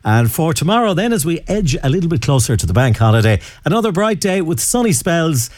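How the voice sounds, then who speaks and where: A man's voice: on the high side, sing-song, brisk, darkish tone, no echo. A man presenting a weather forecast on the radio.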